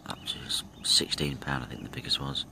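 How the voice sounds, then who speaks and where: Low-voiced man rambling outdoors by a lake. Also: creaky, background noise. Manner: relaxed, rambling, thinking aloud with pauses. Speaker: angler filming his fishing trip. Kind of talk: casual self-filmed commentary. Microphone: handheld camera from behind the lens. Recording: outdoor ambience with nature sounds.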